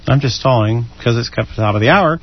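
A man's voice: mid-range voice, a little fast. A man hosting a late-night radio show, bantering casually with co-hosts, laughing often and poking fun at himself. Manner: chatty, laughs often, playful and self-mocking. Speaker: radio host. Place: radio studio. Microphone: studio microphone. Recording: slightly dull radio broadcast audio.

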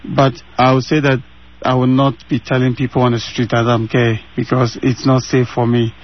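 Answering interview questions from home over a remote line, a Ghanaian man in his thirties drives his points home with earnest conviction and repeated phrases. His voice is medium-pitched for a man, with little variation, at a moderate pace, and the sound is slightly dull.

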